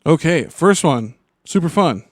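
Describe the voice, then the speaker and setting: A man's voice: fairly high pitch, a little slow, no echo. Man, podcast co-host, casual and enthusiastic, dry close sound. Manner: relaxed and enthusiastic, swears casually. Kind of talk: casual chat.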